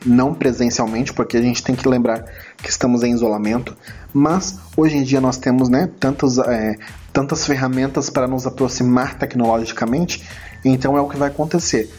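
A Brazilian man with a hoarse, failing voice hosts a solo podcast, talking informally and a little hesitantly straight to his listeners. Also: medium pitch, steady tone, moderate pace, darkish tone, faint music behind. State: hoarse failing voice from throat trouble. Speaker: podcast host. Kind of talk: casual solo film review podcast talk.

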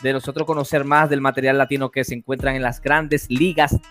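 A man hosting an interview show, excitable and full of restarts and repeated phrases. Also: medium pitch, fairly quick, faint music behind. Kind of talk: casual interview.

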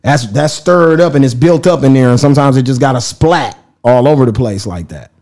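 A man's voice: medium pitch, fairly quick, darkish tone. A man hosting a live podcast, telling stories in a loose, profane, joking way. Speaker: podcast host. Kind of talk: casual live-streamed podcast chat.

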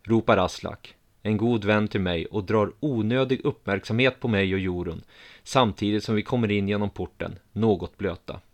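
A man calmly reading a first-person story aloud in an even, measured way. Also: fairly low pitch. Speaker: narrator.

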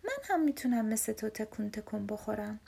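A woman's voice: medium pitch, expressive, vocal fry, mellow, breathy edge, full character voice. A woman voicing a small, eager, sensitive little bear cub in a storybook reading.

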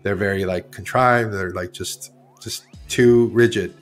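A man's voice: fairly low pitch, fairly even intonation, a little slow, soft background music. A man in his forties, originally from Iran, talking as a guest artist in a casual interview, rambling and correcting himself as he goes. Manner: rambling, candid, self-correcting.

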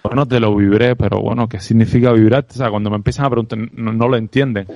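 A man with a Cuban accent, a guest on a podcast, talks about sales in an animated, reflective way, often asking "¿sabes?". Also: lowish voice, fast talker, vocal fry, no room sound, muffled recording. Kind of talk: casual interview conversation.

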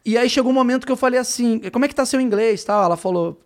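A man's voice: very high-pitched, very fast. A man with a Brazilian Portuguese accent, telling a comic story in casual podcast talk and acting out the quoted lines. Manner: animated, acts out quoted lines.

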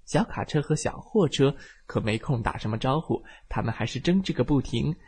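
A man telling a bedtime story to children, lively and expressive as he narrates. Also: medium pitch, moderate pace, slightly rough.

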